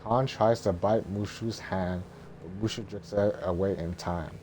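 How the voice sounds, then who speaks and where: Male script reader, lowish pitch, monotone and halting narration, unhurried, noise behind the voice. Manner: monotone, stumbling. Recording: noticeable background noise.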